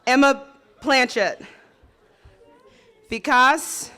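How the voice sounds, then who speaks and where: A woman's voice: high voice, drawn-out words, bright, forceful tone. A woman announcing at a closing ceremony, reading names in a chatty way and poking fun at herself when she stumbles over them.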